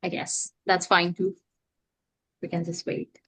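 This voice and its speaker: A woman's voice: fairly low pitch, little pitch movement, a little slow, pushed and bright, breathy edge, no room sound. A woman hosting an online speaker series over a video call, friendly and encouraging the audience to join in. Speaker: event host.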